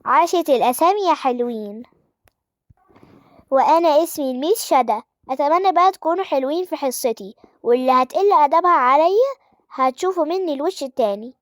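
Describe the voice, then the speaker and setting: A woman playing a new schoolteacher with an Egyptian accent, friendly at first but quick to lay down the law, in a voiced game role-play story. The voice sits high and moves along at a brisk clip. It is recorded close and dry. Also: expressive, no echo. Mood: friendly, firm. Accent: Egyptian Arabic. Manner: warm greetings with firm warnings.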